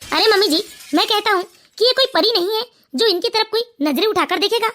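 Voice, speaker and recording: A woman's voice: very high voice, animated, fairly quick, fairly bright tone. A woman voicing a smug, sleazy cartoon son-in-law. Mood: self-righteous. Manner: smug, mocking. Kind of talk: cartoon voice acting.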